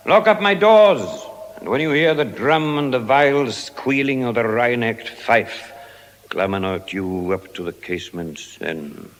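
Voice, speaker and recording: Slow, low-voiced old Shylock played by an actor. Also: male voice, lightly acted. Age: older. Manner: declamatory, deliberate, grumbling. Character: suspicious, miserly old moneylender and stern father. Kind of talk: classical Shakespearean stage acting. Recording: long reverberant hall studio drama.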